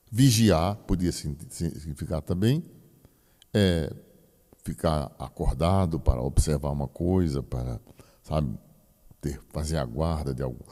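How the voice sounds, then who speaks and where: A priest with a low, warm voice gives a teaching talk to a group, explaining things with folksy asides to his listeners. The recording carries long hall reverb.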